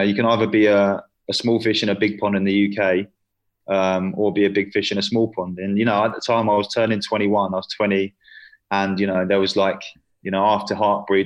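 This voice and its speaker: A young man in his twenties, chatting casually as an interview guest, full of fillers. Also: low voice. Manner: chatty, lots of fillers and "you know".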